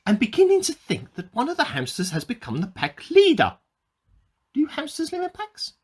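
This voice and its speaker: In a radio play, an actor voices a bemused amateur scientist keeping an audio diary, who grows increasingly suspicious. The high-pitched voice swings hugely in pitch at normal speed, musing aloud in a puzzled, earnest, slightly formal and self-questioning way.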